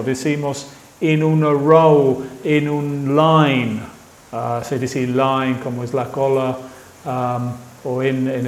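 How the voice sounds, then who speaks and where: Slow-talking teacher man, echoey room. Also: medium pitch. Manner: slow, deliberate example sentences between Spanish explanations. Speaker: English teacher. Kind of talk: bilingual language lesson.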